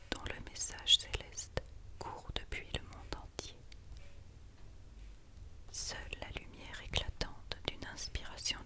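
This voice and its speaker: This ASMR reader, a woman, narrates a storybook purely in a whisper, airy and without any voiced tone. The reading stays soft and hushed, made for bedtime.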